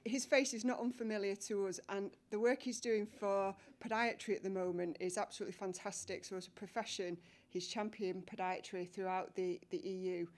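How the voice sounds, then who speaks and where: A woman's voice: mid-range voice, a little mellow. Woman event host, playful and teasing, laughs often. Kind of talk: introducing speakers at an event.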